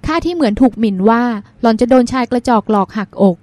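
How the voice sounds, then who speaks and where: A woman narrating a novel as an audiobook in a smooth, even storytelling manner. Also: fairly high pitch, fast, no room sound. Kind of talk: scripted narration.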